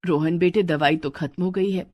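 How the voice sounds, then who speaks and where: A woman's voice: fairly low pitch, fairly even intonation, moderate pace, a little mellow, close to an everyday voice. A woman voicing a fretful older mother-in-law who stammers nervously in a cartoon story. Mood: sheepish.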